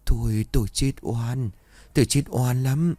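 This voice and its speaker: A man's voice: mid-range voice, a little slow, warm tone, no room sound, pitched above the performer's own voice, lightly acted. A man voicing a wailing drowned ghost. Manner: weeping, moaning plea. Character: drowned male ghost, wet, wailing over his unjust death.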